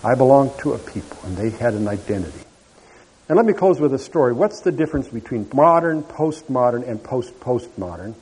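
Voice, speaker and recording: A man's voice: mid-range voice, expressive, brisk, darkish tone, a little hiss or hum. A man giving an earnest public talk at a church gathering, telling stories with wandering asides. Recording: long reverb of a large hall.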